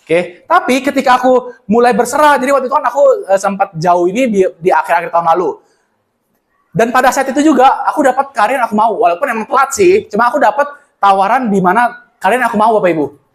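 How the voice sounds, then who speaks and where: A man's voice: very high-pitched, fast. Seorang pria muda berbagi firman di ibadah gereja dengan gaya santai, hidup, dan sering memerankan tokoh Alkitab dengan bahasa gaul. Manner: animated, acts out Bible scenes in slang. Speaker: church speaker. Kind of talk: casual sermon sharing.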